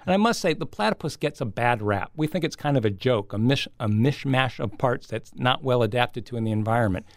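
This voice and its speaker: A man giving measured, articulate explanations as a scientist guest in an interview. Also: medium pitch, lively intonation, no echo.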